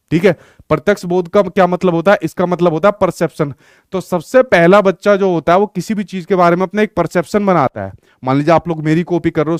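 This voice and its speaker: Young male teacher, slightly high voice, patient explainer, dry close sound. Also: no echo. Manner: explanatory, repeats "ठीक है" often. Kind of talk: exam-prep lecture.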